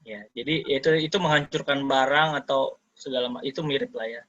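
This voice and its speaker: A man giving an online talk to teachers, explaining with lively asides, sprinkling in English terms and acting out quoted parents. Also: mid-range voice, fairly quick, highs cut off. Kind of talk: online sharing session talk.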